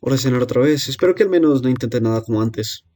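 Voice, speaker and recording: A man's voice: medium pitch, animated, quick pace, dark tone, close to an everyday voice. [name], a man voicing a lonely little girl. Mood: resigned. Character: lonely young girl alone feeding monsters. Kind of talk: game dialogue read aloud.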